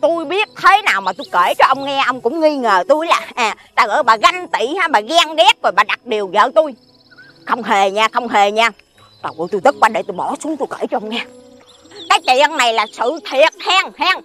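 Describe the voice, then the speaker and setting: A woman's voice: sits high, very animated, fairly quick, pushed and bright, soft background music, heavily acted. An actress playing a chatty, insistent village woman who sells sticky rice cakes, in a TV folk-tale drama. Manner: gossipy, exclamatory, insistent. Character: chatty busybody village cake seller woman.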